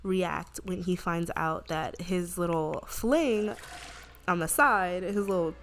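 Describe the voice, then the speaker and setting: A woman's voice: lowish voice, slow, a little hiss or hum. A woman hosting a game video and narrating her characters' drama in a chatty, gossipy way. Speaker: let's play host. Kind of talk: gaming commentary.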